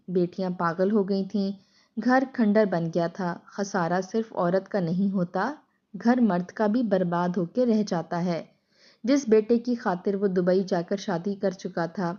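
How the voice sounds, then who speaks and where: A woman's voice: mid-range voice, dark tone, dull audio. A woman narrating a scripted sad story in a somber, moralizing manner.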